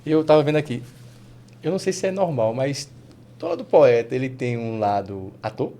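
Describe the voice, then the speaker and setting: Animated Brazilian man hosting a podcast. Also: normal speed. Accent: Brazilian Portuguese. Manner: animated, rising pitch when enthusiastic. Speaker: podcast host. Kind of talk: casual podcast interview.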